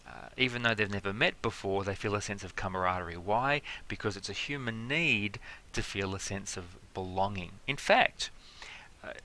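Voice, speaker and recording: A man giving a relaxed, conversational lecture, filling pauses with fillers and stacking everyday examples. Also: fairly low pitch. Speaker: teacher. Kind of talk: explanatory lecture.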